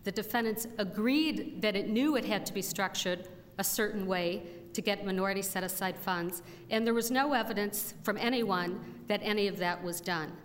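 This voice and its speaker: Woman, attorney, formal courtroom argument, medium pitch, reverberant room, slight noise. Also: moderate pace. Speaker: attorney giving rebuttal. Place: large courtroom. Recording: reverberant hall with faint noise.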